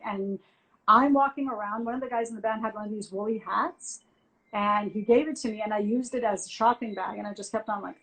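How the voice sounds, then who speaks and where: A woman, a music journalist, telling a lively anecdote as an interview guest on a video call and acting out both sides of the dialogue. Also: fairly high pitch, rough recording. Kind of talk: casual storytelling on a live video chat. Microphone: phone or laptop on a video call.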